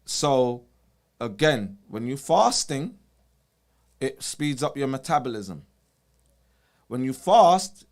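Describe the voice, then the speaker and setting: A man hosting a wellness consultation over a video call, explaining things in a casual way and often checking in with "you know" and "right?". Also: medium pitch. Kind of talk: casual advisory chat.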